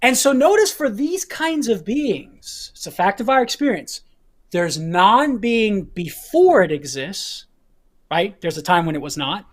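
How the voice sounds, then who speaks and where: Deliberate man explaining, with a cough. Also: high-pitched, big pitch swings. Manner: deliberate, repeats phrases, checks in with okay. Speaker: guest teacher. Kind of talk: explaining philosophy to hosts.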